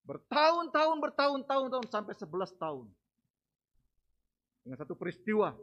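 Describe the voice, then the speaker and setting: A man preaching a sermon testimony in church, dramatic and swinging between hushed and loud. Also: sits high, big pitch swings, a little fast, highs cut off.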